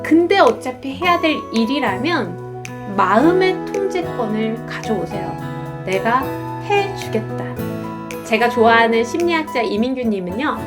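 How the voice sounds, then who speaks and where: A woman's voice: on the high side, moderate pace, over music. A middle-aged woman lecturer giving a motivational talk to camera, acting out the voices of the people she quotes. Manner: animated, acts out quoted voices.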